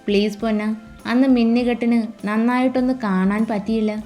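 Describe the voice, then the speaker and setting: A doting young husband who teases and coaxes his bride, as a woman storyteller voices him. The voice sits a little high and mellow, with soft music faint behind it. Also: steady tone, a little fast, natural voice. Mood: teasing, fond. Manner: playful, coaxing endearments. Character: affectionate teasing young husband.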